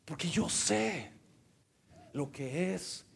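A man preaching a sermon as a pastor, who swings between loud exhortation and hushed asides and mixes in English words. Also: fairly high pitch, expressive, extremely slow, gravelly, breathy edge. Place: church hall.

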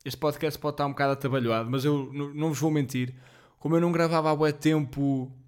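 A young man in his twenties speaks with a European Portuguese accent, his voice sitting a little high for a man. He rambles in a loose, slangy solo podcast monologue. He leans on fillers and teases himself as he goes. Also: steady tone, fast talker, darkish tone, clear, resonant tone. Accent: European Portuguese, Lisbon slang. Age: 20s. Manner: rambling, slangy, self-deprecating, many fillers; apologetic about being jittery and off rhythm. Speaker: podcast host.

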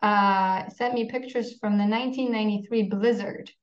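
A Polish businesswoman in her 40s, whose first language is Polish, joins a casual interview as a guest and company CEO. Speaking over a video call from her home office, the audio dull and roomy, she talks at normal speed with medium pitch and fairly even intonation. She's candid and dryly funny, with frequent "uh" fillers.

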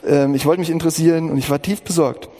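A man's voice: a little high, steady tone, quick pace, warm tone, long reverb tail. A middle-aged man preaching a sermon as pastor, talking earnestly and personally, with emotional outbursts.

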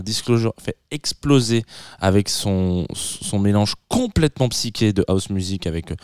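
Low-voiced man hosting a radio music show. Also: a little mellow, dry recording, clean studio sound. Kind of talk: casual on-air music presentation.

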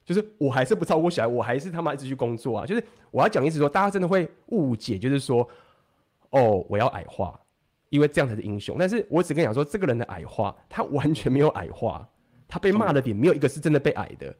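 A man talking fast and animatedly in a casual podcast chat, swearing now and then. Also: medium pitch, very animated, darkish tone, husky.

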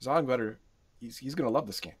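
A man's voice: medium pitch, fast talker, husky. A man co-hosting a game stream, describing games in casual, rambling talk full of fillers. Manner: rambling, many fillers and restarts. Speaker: co-host of a game stream show. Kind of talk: casual game review chat.

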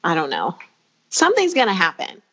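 A woman casually retelling scenes from a show, animated and laughing along. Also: fairly low pitch, a little fast, husky. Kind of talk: casual chat reviewing a TV show.

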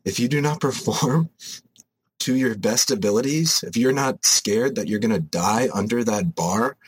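A man's voice: medium pitch, normal speed, breathy edge. A young man co-hosting a casual podcast, joking around and ranting with mock intensity about training. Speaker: podcast co-host. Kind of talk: casual chat.

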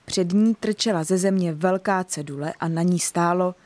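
Storybook narrator, woman with a lowish voice, even and clear. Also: no room sound.

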